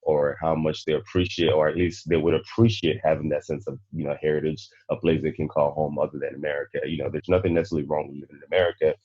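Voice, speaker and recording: A man born in Nigeria, hosting a panel discussion and speaking in a measured, reflective way. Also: rumbling low, little pitch movement, a little mellow, husky, no room sound, lo-fi sound. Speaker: podcast host.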